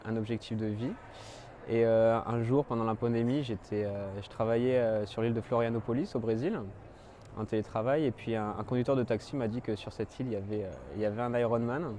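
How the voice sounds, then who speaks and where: A man in his twenties from France, telling his story as an amateur triathlete in a halting way, with many fillers and restarts. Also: mid-range voice, warm tone, slight background noise. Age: 20s. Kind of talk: personal interview monologue.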